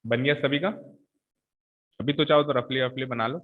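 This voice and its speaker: A man's voice: medium pitch, steady tone, moderate pace. A middle-aged man teaching a maths lesson, talking students through each step and checking in with them often. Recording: tinny phone-like sound.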